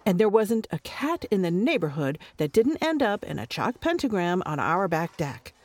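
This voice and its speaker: A woman's voice: mid-range voice, big pitch swings, normal speed, darkish tone, no echo. A woman playing a prim, weary mother who coaxes her difficult daughter with patient, careful talk.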